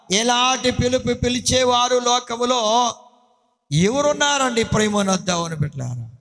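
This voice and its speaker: A man's voice: very high-pitched, a bit bright. A male pastor delivering a sermon, emphatic and repeatedly addressing his listeners directly. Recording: long hall reverb.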